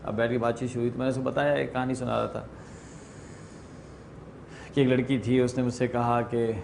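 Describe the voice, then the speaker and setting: A man's voice: medium pitch, little pitch movement, gravelly, darkish tone, a little hiss or hum. A middle-aged man leading a training workshop, chatting informally, mixing in English phrases and telling self-deprecating stories to a room. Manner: acts out dialogue in stories. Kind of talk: informal workshop lecture with anecdotes.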